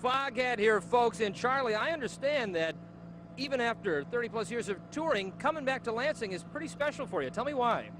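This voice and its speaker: Upbeat high-voiced man with a Boston accent. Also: lively intonation, a little fast, background noise. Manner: upbeat, joking banter. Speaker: TV reporter and anchor. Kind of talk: live TV interview.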